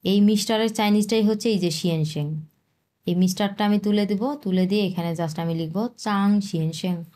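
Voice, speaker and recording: A woman teaching a Chinese lesson, patiently repeating words slowly and explaining their tones. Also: medium pitch, warm tone. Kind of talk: language lesson explaining vocabulary.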